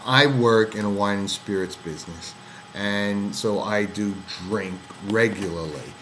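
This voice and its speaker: Chatty low-voiced man, rambling. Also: a little slow, fairly bright tone, a little hiss or hum, rough recording. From Pennsylvania, USA. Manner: rambling, with many fillers and restarts. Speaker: co-host. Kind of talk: casual chat.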